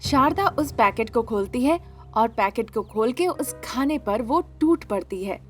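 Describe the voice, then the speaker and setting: A woman narrates a cartoon story in a steady, matter-of-fact way. Her voice sits high. Faint music plays underneath. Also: measured pace.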